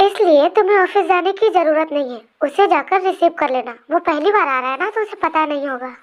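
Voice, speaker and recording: In a fan-made storybook reading, a woman with an extremely high, brisk voice plays a nagging, overworked sister-in-law who keeps house and scolds the family with complaints. Her tone is scolding, and a faint hiss or hum sits under the audio.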